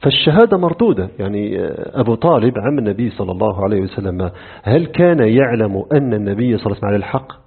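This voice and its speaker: A middle-aged man teaching a lecture on religious creed, animated, asking rhetorical questions and answering them himself. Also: fairly low pitch, very fast, breathy edge. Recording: tinny phone-like lo-fi recording.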